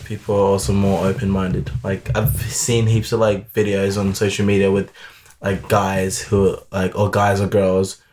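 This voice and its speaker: A man's voice: low voice, monotone, normal speed, a little mellow. A young man in a casual chat, answering hesitantly and restarting his sentences. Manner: hesitant, full of likes and restarts.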